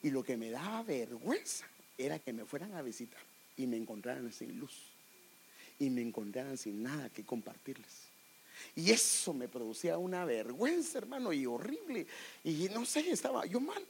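A middle-aged man with a Guatemalan Spanish accent and a creaky, mid-range voice preaches a personal testimony at normal speed over slight background noise. He's animated and refers to his listeners as "brother."

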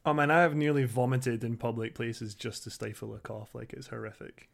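A man's voice: medium pitch, brisk, creaky. A man in his thirties co-hosting a podcast in casual chat, informal, sweary and self-deprecating. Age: 30s. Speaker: podcast co-host.

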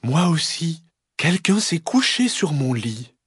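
A man voicing a gentle, soft-spoken mother bear in a children's story. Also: on the high side, sing-song, slow pace, slightly rough, dry recording, clean studio sound, pitched above the performer's own voice, exaggerated voice. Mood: gentle, surprised. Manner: soft, sweet.

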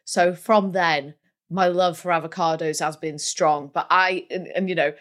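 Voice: medium pitch, fairly even intonation, a little slow, fairly bright tone. A speaker with a British accent, chatting casually in an informal, emphatic, slangy way. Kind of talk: casual chat.

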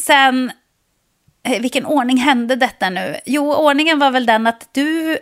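A woman co-hosting a podcast in casual chat, telling stories with lively acted-out quotes. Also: sits high. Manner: animated storytelling, acts out quotes loudly. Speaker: podcast co-host. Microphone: podcast microphone.

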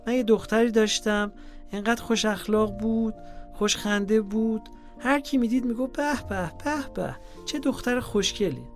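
A man's voice: sits high, faint music behind, pitched above the performer's own voice. A man reading a diary who voices a mother in a raised, singsong lament over her daughter.

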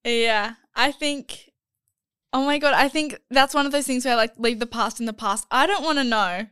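Aussie girl chatting on a podcast, giggly and full of likes, smooth higher voice. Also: normal speed, a bit bright, no room sound, studio quality. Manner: chatty, giggly, filler-heavy. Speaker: podcast co-host. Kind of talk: casual chat.

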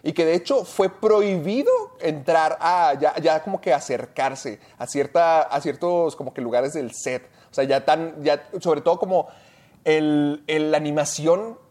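A man's voice: on the high side, unhurried, a little mellow. A man hosting a casual podcast chat, repeating himself and pressing his co-host for details. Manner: repeats himself, prods the other speaker for details.

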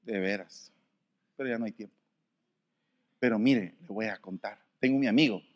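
A man preaching a sermon, swinging from soft, quiet passages to sudden shouts. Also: lowish voice, moderate pace.

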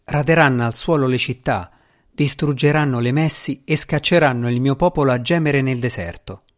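A man's voice: mid-range voice, moderate pace, natural voice. A man voicing a determined, stern young woman in an audiobook, speaking firmly and urgently. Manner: firm, pressing delivery. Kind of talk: audiobook character reading.

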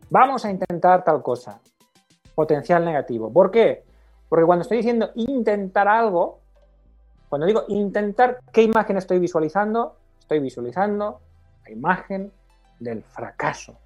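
A man's voice: a little high, a little mellow. A man hosting a motivational podcast, asking himself rhetorical questions and acting out the phrases he quotes. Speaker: podcast host.

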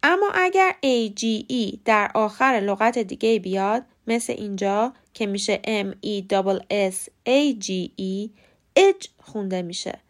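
A woman with a Persian accent hosting a short English pronunciation podcast, spelling words out letter by letter and repeating the correct forms slowly. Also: a little high. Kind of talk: scripted language lesson.

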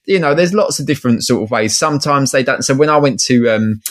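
A man with an Essex accent in a casual chat. He talks in a colloquial, matey way, with a middling pitch, like someone swapping stories with a friend. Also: animated, fast talker. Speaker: guest, toy collector.

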